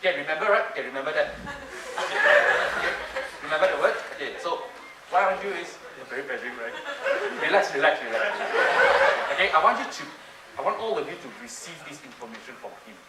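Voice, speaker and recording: A conference speaker performs a mind-reading trick in a playful, interactive talk, coaxing the audience and repeating his phrases. His voice is a little high with lively intonation, and he speaks very fast. The distant mic picks up a roomy hall, background noise, audience laughter and room ambience.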